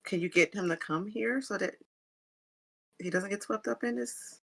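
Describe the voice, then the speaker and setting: A weary, protective woman, as a game master puts her on in a tabletop game, pleading in broken, hesitant starts. The voice sits at a middling pitch and is kept soft and close. It sounds like an everyday speaking voice. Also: gravelly. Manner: hesitant, halting pleas.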